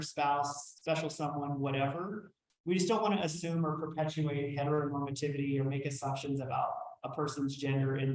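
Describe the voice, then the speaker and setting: A man from Texas with a light Texan drawl teaches a workshop as a trainer, lecturing conversationally with some fillers, restarts and self-corrections. His voice is a little high, the room is reverberant, and the low-quality recording carries a little hiss or hum.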